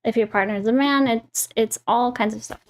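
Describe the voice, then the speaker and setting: A young woman hosting a casual livestream, talking in a meandering way with restarts and eager enthusiasm about the food she shows. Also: on the high side. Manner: slow, meandering, restarts mid-phrase. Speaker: lifestyle host.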